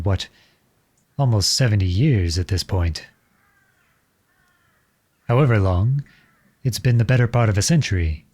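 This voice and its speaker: Voicing an outlawed young prince who serves as a lowly soldier in a roleplay audio drama, the man sounds troubled and weary. His tone is dark and slightly rough, his speech formal, measured, courteous and earnest.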